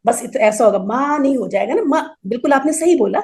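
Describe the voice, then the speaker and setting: A woman teaching an Arabic grammar class, explaining patiently and slowly repeating word forms for emphasis. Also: high voice, animated, warm tone. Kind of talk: online class lecture.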